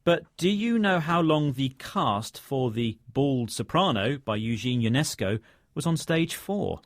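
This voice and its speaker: A man hosting a scripted educational radio chat, speaking clearly and quizzing his co-host. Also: medium pitch, lively intonation, a little slow, dry recording. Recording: dry studio.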